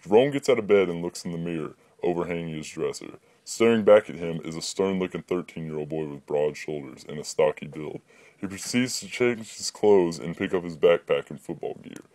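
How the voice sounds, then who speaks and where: A man's voice: fairly quick, a little mellow, no room sound. A young man reading his own short story aloud, lifting his voice for the dialogue. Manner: plain reading, voices dialogue with higher pitch.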